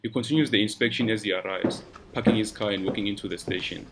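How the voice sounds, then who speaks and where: A man reading scripted narration for a detective drama series, in a steady, descriptive way. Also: lowish voice, fast talker, heavy background noise.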